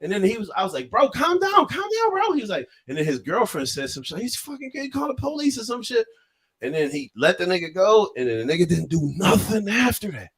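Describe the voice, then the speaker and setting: A man's voice: high-pitched, quick pace, husky. A young man co-hosting a podcast, telling a story in casual banter and acting out the people in it. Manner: animated, acts out voices in his stories. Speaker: podcast co-host.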